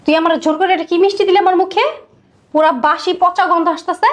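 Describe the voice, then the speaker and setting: A haughty rich housewife, acted by a woman,. She scolds with open contempt, and her voice is high. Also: steady tone, fast talker, a little hiss or hum. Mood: outraged. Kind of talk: social media skit acting.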